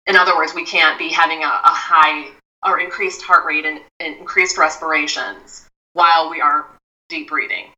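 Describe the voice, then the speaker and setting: Speaking with a steady tone, a woman with a low, sharp, bright voice guides an interviewer through her ideas as a mindfulness expert, carefully and in order, frequently starting sentences over. The recording is muffled and she's somewhat far from the mic.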